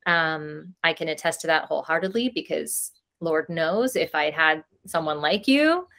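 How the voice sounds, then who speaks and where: A princess party company owner, guesting on a podcast via a casual video-call interview, talks at a moderate pace in a low, gravelly voice with a fairly bright tone. She's effusive and rambling, tossing in giggly asides.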